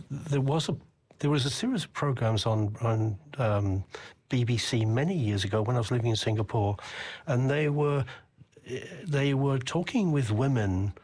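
Older male interviewer, low husky voice, rambling and reflective. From United Kingdom. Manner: rambling, reflective questions with many restarts. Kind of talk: conversational interview.

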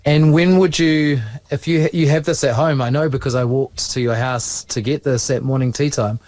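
A man's voice: mid-range voice, steady tone, moderate pace, a little mellow, no echo. A man, a school teacher patiently asking his students encouraging questions. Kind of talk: interviewing students.

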